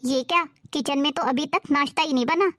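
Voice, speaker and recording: A woman's voice: sits high, a little fast, fairly bright tone, no echo, clean studio sound. Woman playing a spoiled bossy college girl. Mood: mocking. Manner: demanding, mocking. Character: bossy spoiled young college-going sister-in-law. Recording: music clearly behind the voice.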